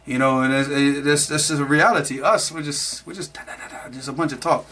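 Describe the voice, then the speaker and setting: Bright-voiced man telling his life story. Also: medium pitch, steady tone, brisk. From Florida, USA. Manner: rambling, many fillers and restarts, laughs at himself. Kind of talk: casual spoken storytelling.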